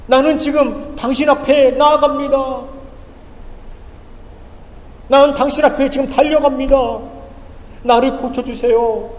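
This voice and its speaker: A preacher voicing a pleading blind beggar. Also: male voice, extremely high pitch, pitched above the performer's own voice. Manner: fervent, repeated pleas. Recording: echoey church hall reverb.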